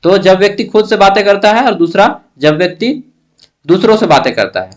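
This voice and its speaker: A young man giving an exam-prep lecture, explaining slowly and checking in often as he goes. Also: high voice, lively intonation. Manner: explains slowly with Hindi-English mixing and frequent "theek hai". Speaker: teacher.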